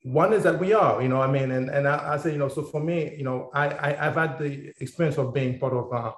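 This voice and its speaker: A man born in Haiti speaks slowly and thoughtfully, filling his pauses with "you know" and "uh" as he shares in a group circle. His voice sits at a middle pitch. The room around him rings with echo. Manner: thoughtful, many fillers and restarts. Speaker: circle participant. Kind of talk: reflective personal sharing.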